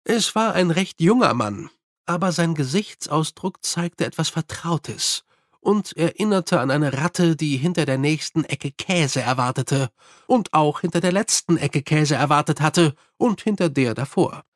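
A man narrating an audiobook in a steady storytelling manner. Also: on the high side, a little slow, dry recording, clean studio sound. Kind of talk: scripted narration.

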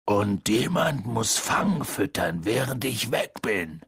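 A man's voice: lowish voice, very animated, takes it slowly, fairly bright tone, dry recording, studio quality, full character voice. A man reading an audiobook, voicing a huge, hot-tempered male gamekeeper who talks bluntly. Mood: low, grim. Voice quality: gravelly, raspy. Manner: blunt, growling.

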